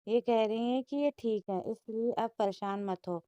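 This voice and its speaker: Storybook figure, childlike anxious young man read by a woman, fussy and doting, high-ish voice. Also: moderate pace, mellow, smooth, no echo, highs cut off, close to an everyday voice. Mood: eager. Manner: fussy, pleading, repeats himself.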